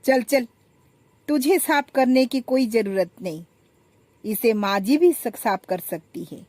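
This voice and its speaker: A shrill, spiteful young wife shrieks her insults in this storybook scene, as a woman puts her on. Her pitch shoots up high and loud, with a harsh, screeching edge. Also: a little slow, no room sound. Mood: screaming. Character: spiteful pregnant elder daughter-in-law, young woman.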